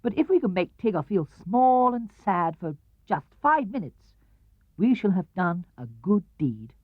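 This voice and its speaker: A man voicing a bossy, self-assured rabbit in a children's storybook, brisk and emphatic. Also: high voice, big pitch swings, no room sound, voice pushed up, exaggerated voice. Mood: confident, explaining. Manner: brisk, emphatic, explaining with authority. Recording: muffled 1970s cassette-era recording.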